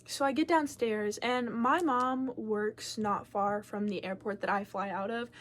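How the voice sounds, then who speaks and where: A woman's voice: on the high side, unhurried. A young woman casually telling a personal story to camera, frank and swearing freely, with lots of filler words. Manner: animated, shifting loudness as she tells it. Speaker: vlogger.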